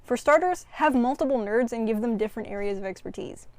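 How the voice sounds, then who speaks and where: A woman's voice: a little high, lively intonation, fast talker, darkish tone, no echo. A young woman giving a casual, opinionated video essay, explaining her points with occasional filler words.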